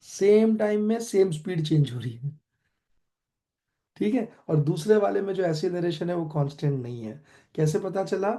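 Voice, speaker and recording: A man with an Indian accent teaching physics online, quizzing students with quick questions and switching between Hindi and English. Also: high-pitched, expressive, dark tone. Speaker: physics tutor. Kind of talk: online classroom lecture.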